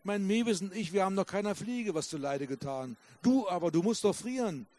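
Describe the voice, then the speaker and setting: A man voicing a kindly, rough-voiced old peasant woman in a book reading. She coaxes and teases gently. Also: high voice, expressive, brisk. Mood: coaxing. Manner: coaxing, gently teasing. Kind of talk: author reading aloud.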